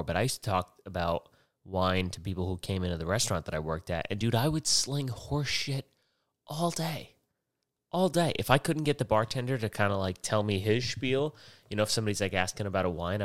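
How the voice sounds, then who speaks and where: A man's voice: sits low, dry recording, studio quality. A man hosting a casual solo podcast, rambling and swearing freely, wearing headphones at a podcast mic. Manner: profane, rambling, self-mocking. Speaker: podcast host.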